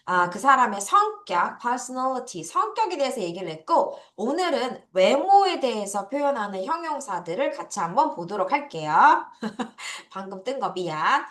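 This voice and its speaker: A woman teaching English words to children, drilling them slowly and laughing now and then. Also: a little high, a bit bright. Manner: slow, drawn-out drilling of words. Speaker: English tutor. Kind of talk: online vocabulary lesson for children. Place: classroom. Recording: echoey room.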